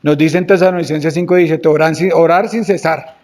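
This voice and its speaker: Earnest Colombian man preaching, higher voice. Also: steady tone, brisk, a little mellow. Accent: Colombian Spanish. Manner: earnest, exhorting, rhetorical questions to the congregation; acts out prayers in quoted voices. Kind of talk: sermon.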